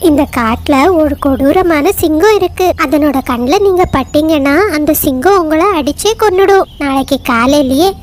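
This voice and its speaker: A woman's voice: high-pitched, normal speed, few pauses, slight background noise, lightly acted. A woman voicing a greedy female crow in a cartoon, coaxing and sly. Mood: warning.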